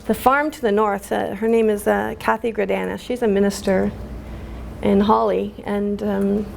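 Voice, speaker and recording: Emotional woman with a gravelly voice. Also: medium pitch, fairly even intonation, darkish tone, a little hiss or hum. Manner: halting, many fillers, emotional. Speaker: community activist speaker. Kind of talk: emotional public talk.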